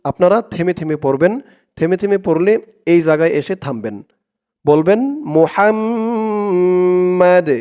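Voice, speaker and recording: A man with a Bangladeshi accent teaching Quran recitation, spelling out Arabic syllable by syllable and chanting the phrases in long drawn-out tones. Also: a little high, mellow. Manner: slow, drawn-out chanting of the Arabic phrases, plain spoken explanations.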